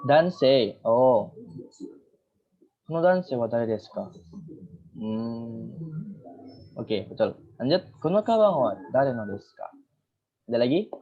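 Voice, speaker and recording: A teacher leads an online Japanese class, explaining grammar patiently step by step and filling pauses with small verbal fillers. The teacher keeps asking the students for more answers. The sound comes through a dull, lo-fi video call microphone. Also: mid-range voice, sing-song, a little hiss or hum. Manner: prompts students with repeated questions. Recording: muffled lo-fi video call audio.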